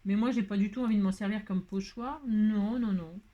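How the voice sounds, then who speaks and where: A woman's voice: medium pitch, steady tone, normal speed, mellow, dull audio. A middle-aged woman hosting a crafting tutorial, rambling and joking at herself as she works. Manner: rambling, self-mocking, hums and sings snatches of tunes while working.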